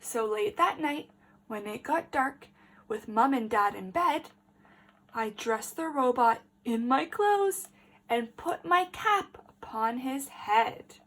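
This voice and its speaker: A teacher, female, reads aloud from a picture book for children, pausing to quiz them along the way. Her reading is animated and deliberate, and her pitch leans high.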